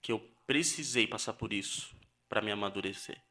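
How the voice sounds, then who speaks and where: Young brazilian guy, seminarian, earnest testimony, bright clear voice, lots of restarts. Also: lowish voice. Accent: Brazilian Portuguese. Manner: earnest, halting with repeated restarts. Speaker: seminarian guest. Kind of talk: emotional personal testimony.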